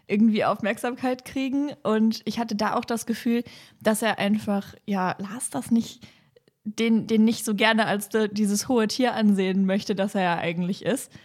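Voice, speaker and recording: A woman's voice: mid-range voice, darkish tone. A woman co-hosting a casual podcast, thinking aloud informally in an echoey space outside a studio. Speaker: podcast co-host. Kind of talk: casual discussion.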